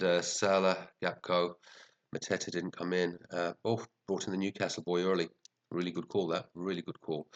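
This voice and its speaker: Male fantasy football host, deep register, bunged up and sniffly, chatty off-the-cuff commentary with mild swearing. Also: fairly bright tone. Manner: chatty, muttering to himself, mildly sweary. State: sniffly, congested with a head cold. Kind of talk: casual rambling commentary reviewing team scores.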